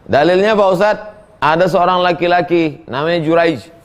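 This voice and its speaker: At a moderate pace and fairly high pitch, a middle-aged male preacher answers questions from the crowd, joking in a folksy style and telling animated stories in his humorous sermon.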